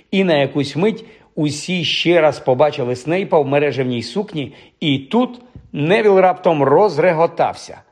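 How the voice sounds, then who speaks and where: A man's voice: on the high side, darkish tone. Man narrating a fantasy audiobook. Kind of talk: scripted story narration.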